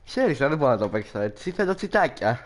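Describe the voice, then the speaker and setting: A man's voice: medium pitch, sing-song, a little hiss or hum. A young man chatting playfully and rambling as he streams himself playing a game. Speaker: gameplay streamer. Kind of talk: casual live commentary over a game.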